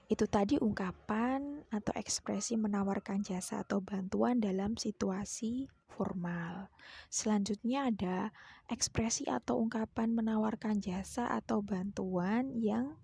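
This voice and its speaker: A woman teaching a classroom lesson in a husky, breathy voice with a gravelly edge. Her pace is slow and unhurried. She reads each English phrase carefully and then gives its translation. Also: medium pitch, dark tone, no echo.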